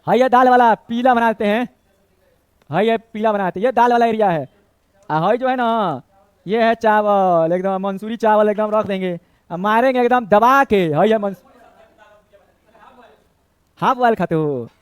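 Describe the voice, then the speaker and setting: Male maths teacher, high clear voice, dry close sound, chatty and scolding. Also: unhurried, long pauses, no room sound. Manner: chatty, scolds and jokes with students, mixes Bhojpuri words. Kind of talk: classroom lesson.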